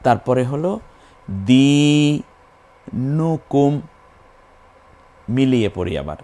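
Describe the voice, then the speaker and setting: A man's voice: medium pitch, lively intonation, a little mellow. Man teaching recitation, drawing out syllables. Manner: spells syllables and draws out chanted words slowly. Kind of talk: step-by-step recitation lesson.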